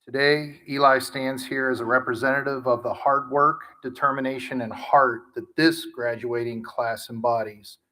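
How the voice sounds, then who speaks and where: A man's voice: medium pitch, fairly even intonation, normal speed, hardly any pauses, sharp tone, low-quality recording. A man giving a formal, prepared introduction of the student speaker at a graduation ceremony. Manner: formal, reads prepared remarks. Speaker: ceremony presenter. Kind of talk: scripted introduction speech.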